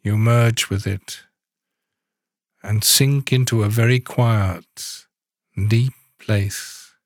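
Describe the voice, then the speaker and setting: A man leading a guided body-awareness meditation, giving calm, soft-spoken instructions with long pauses between phrases. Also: on the low side, no echo, studio quality.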